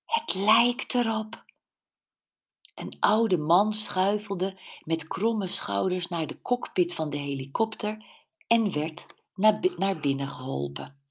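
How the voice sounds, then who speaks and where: A woman narrating a mystery audiobook in a steady, measured reading voice. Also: fairly low pitch, gravelly, breathy edge.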